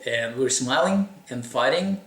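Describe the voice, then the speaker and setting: A man's voice: mid-range voice, expressive, measured pace, a bit bright, far from the mic. Russian-accented man interviewing, echoey room. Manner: hesitant, lots of fillers and restarts. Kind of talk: casual conversational interview.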